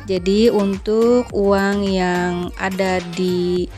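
A woman talks through a home vlog as a relaxed voice-over. She chats to her viewers like friends, filling her sentences with little fillers, at an ordinary middle pitch. Soft music plays faintly underneath. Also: drawn-out words. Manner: chatty, addresses viewers as friends, frequent fillers. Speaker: vlogger. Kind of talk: casual voice-over narration.

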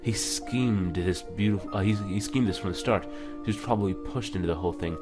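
A low-pitched, brisk man runs a let's play, voicing the game text and reacting informally. Slips and self-corrections come often, and there's music under his voice.

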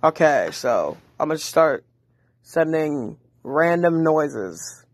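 Slow-talking young male internet troll. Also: a little high, big pitch swings, no room sound. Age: 20s. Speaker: amateur video maker trolling a voice chat. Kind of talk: casual narration of own screen activity. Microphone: handheld phone camera, close.

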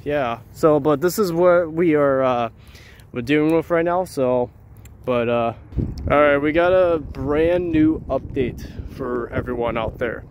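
Outdoors at night on trails and roads, a man vlogs casually for his viewers on a handheld camera, rambling and repeating phrases. His voice sits on the high side and moves a little slowly. The recording has its highs cut off and carries slight background noise.

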